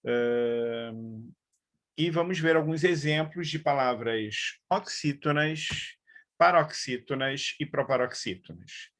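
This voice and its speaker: Slow, patient teacher, a man. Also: mid-range voice, a bit bright. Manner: slow, patient explaining with frequent fillers and check-ins. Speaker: Portuguese grammar teacher. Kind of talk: live online lesson.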